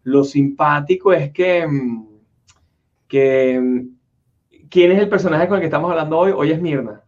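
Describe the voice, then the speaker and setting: A man hosts a relaxed interview, his voice sitting a little high for a man. He rambles, restarting sentences and filling gaps as he goes. The sound is dull and lo-fi. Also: a little slow. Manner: rambling, with many restarts and fillers. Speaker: interview host. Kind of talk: casual conversational interview. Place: home office in Florida. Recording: dull lo-fi audio.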